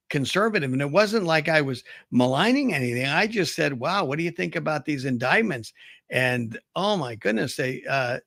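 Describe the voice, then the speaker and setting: A man's voice: a little high, vocal fry, sharp tone, no echo, clean studio sound. A middle-aged man hosting a talk radio show, telling stories and giving opinions in a casual, conversational way.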